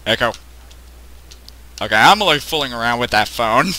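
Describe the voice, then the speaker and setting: A man's voice: mid-range voice, lively intonation, normal speed, pushed and bright, no room sound. A man giving casual, joking commentary while playing a video game, swearing and laughing at what happens on screen. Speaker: let's play gamer.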